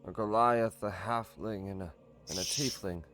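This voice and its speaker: A man's voice: lowish voice, normal speed, over music. A man narrating as game master, loose and rambling, correcting himself as he goes.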